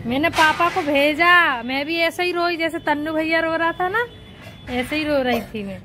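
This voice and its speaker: A woman's voice: high voice, normal speed, sharp tone, soft background music, poor audio. A woman in her thirties filming a family vlog, coaxing and soothing her crying children in casual talk. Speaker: vlogger and mother.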